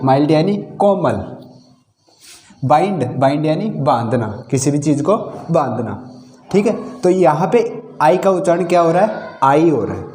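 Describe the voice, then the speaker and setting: A man's voice: a little high, darkish tone, slight background noise. Echoey man teaching pronunciation. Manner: spells words letter by letter, repeats with "thik hai". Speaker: English teacher. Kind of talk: step-by-step pronunciation lesson. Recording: echoey room.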